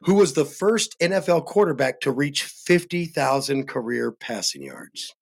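Lively raspy man hosting trivia. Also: mid-range voice, measured pace. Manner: loud, joking, laughs a lot. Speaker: podcast co-host running trivia. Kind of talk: casual banter.

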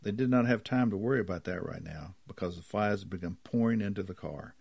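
Man reading a story, low voice, dry close sound. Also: fast talker, gravelly, a little mellow, breathy edge, dry recording. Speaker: narrator.

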